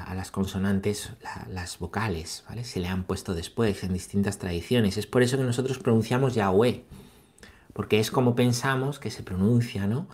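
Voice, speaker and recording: A man giving a catechesis talk, animated and emphatic, asking rhetorical questions and checking in with his listeners. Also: on the low side. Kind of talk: catechesis talk on scripture and philosophy.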